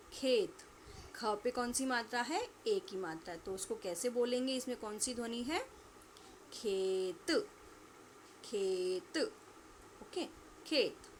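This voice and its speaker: A school teacher with a slightly high voice gives an online Hindi lesson to young children, speaking slowly and patiently. She draws out phrases for the pupils to echo and answers her own questions, with slight background noise.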